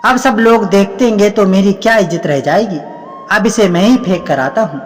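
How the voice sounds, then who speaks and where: A man reading aloud plays a cunning village merchant who nags and complains. His voice sits high and carries a long reverb. Faint music plays beneath him. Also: moderate pace, close to an everyday voice. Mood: anxious.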